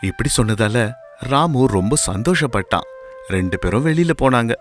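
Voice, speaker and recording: A man telling a moral story in scripted, measured storytelling narration. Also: mid-range voice, expressive, faint music behind.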